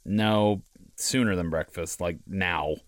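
A man's voice: low-pitched, takes it slowly, no room sound. An actor playing a weary radio host who talks hesitantly and restarts his sentences. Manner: hesitant, apologetic, restarting often. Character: weary male late-night radio host.

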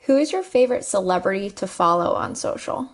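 A woman co-hosting a podcast, playful and quick to react in casual chat. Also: mid-range voice, animated. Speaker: podcast co-host.

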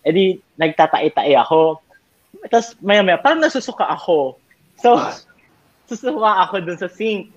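A man's voice: high voice, animated, measured pace, long pauses. A young man chatting casually with friends, telling rambling anecdotes full of fillers and laughs. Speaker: storyteller among college friends. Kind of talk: casual chat. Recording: dull lo-fi recording.

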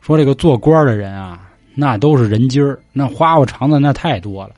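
A man voicing a gruff, hard-drinking male underworld judge who talks bluntly, swears and jokes like a drinking buddy. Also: mid-range voice, animated, a little fast, darkish tone, no echo, lightly acted. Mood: jovial. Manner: blunt, swears, brotherly banter.

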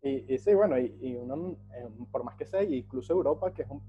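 A man's voice: medium pitch, a little fast, a little hiss or hum. A man hosting a casual interview, asking his guest short follow-up questions. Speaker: podcast host. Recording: dull lo-fi sound.

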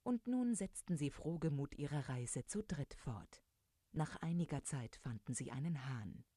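A woman narrating a fairy tale with a low, dark, mellow voice in calm storytelling. The recording is close and dry with no room sound. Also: measured pace, slightly rough, no room sound.

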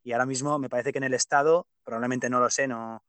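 A podcast host from Pamplona, Spain, chats casually in an interview, hesitant and opinionated, with many fillers. His medium-pitched voice is steady, quick, and fairly bright, with no room sound.

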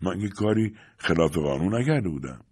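A man's voice: low-pitched, expressive, darkish tone, breathy edge. A man narrating a story as a scripted audiobook reading, telling it expressively.

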